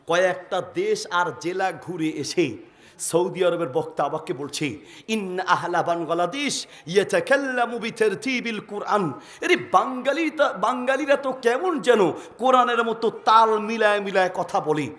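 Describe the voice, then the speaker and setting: A man from Bangladesh giving a humorous sermon, rhythmic and animated, often rising to a shout. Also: high-pitched. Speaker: Islamic preacher.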